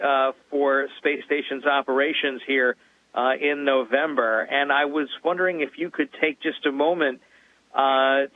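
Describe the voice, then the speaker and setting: A man reporting for radio who talks to a space station over a communicator-style link, halting and restarting often. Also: a little high. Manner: halting, full of fillers and restarts. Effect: phone-like radio link, like a space communicator. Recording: tinny phone-like line.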